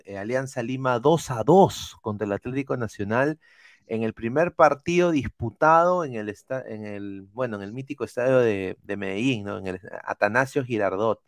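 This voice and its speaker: A man with a Peruvian Spanish accent hosting a casual football live stream, relaxed, greeting viewers and reading their messages. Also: medium pitch, moderate pace, dry recording, clean studio sound.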